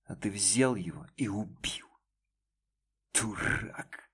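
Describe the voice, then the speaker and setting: A man's voice: medium pitch, fairly even intonation, moderate pace, slightly rough. A man voicing a young woman who pleads and sobs, then turns scornful, in an audiobook. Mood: scornful, shouting. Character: desperate, bitter young woman, ex-lover.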